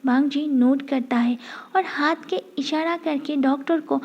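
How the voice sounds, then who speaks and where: A woman narrating a romance fan story in a steady, even storytelling voice. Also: high-pitched, unhurried, muffled recording.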